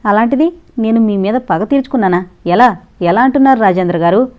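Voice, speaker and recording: A woman's voice: medium pitch, fairly quick, close to an everyday voice. Woman reading proud, wounded middle-aged father. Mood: bitter. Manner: emotional, forceful. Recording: dull lo-fi recording.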